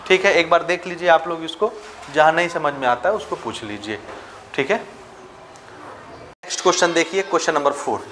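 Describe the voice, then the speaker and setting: A man's voice: a little high, moderate pace, pauses often, a bit bright, slight background noise. A man teaching a school maths lesson step by step, often asking whether the students are following and switching into English for technical terms. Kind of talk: blackboard-style maths lesson.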